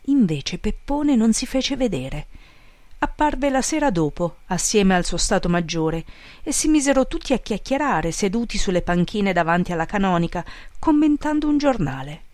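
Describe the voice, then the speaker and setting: A woman narrating an audiobook in a measured, wry storytelling manner. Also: medium pitch, a little mellow, dry recording. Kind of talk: audiobook reading.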